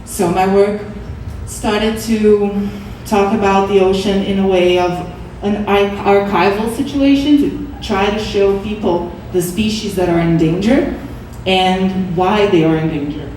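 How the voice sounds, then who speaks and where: Her mid-range voice is steady, a little mellow, and measured in pace as this young adult woman from Brazil, who speaks Portuguese, earnestly describes her art in a panel talk, with some restarts. The setting is a gallery event space, recorded with a distant mic in an echoey room with slight background noise.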